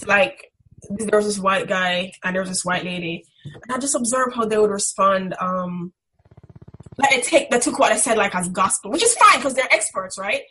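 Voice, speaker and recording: Her voice is medium-pitched, pushed and bright, at a normal speed: a young Caribbean woman and graduate student instructor being interviewed. She reflects candidly in a strident, emphatic manner. The audio is poor, marred by background noise and clicks.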